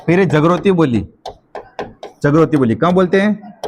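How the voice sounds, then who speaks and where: A man teaching a class and dictating notes for his students to write down. His voice sits a little high, and he keeps quizzing the class with a question before answering it himself. He repeats the same answers several times over. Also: lively intonation, normal speed, noisy background.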